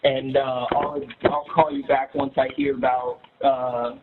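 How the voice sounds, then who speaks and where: A man calls an emergency dispatcher to report an emergency at a security command post, speaking at a measured pace in a flat, medium-pitched voice. His report is businesslike but hesitant, carried over a noisy, narrow recorded phone line.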